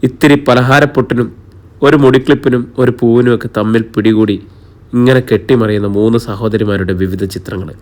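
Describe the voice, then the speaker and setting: A man narrating a romantic audio story in a calm, even manner. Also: mid-range voice, moderate pace. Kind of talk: scripted narration.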